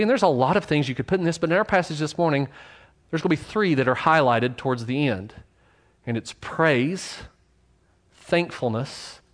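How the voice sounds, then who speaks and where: A man preaching a sermon from his church pulpit, his voice sitting at an ordinary middle pitch. He tells personal stories candidly and pokes fun at himself, often stopping to restart a sentence or reach for a filler word. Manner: candid, self-deprecating storyteller with frequent fillers and restarts. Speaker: pastor.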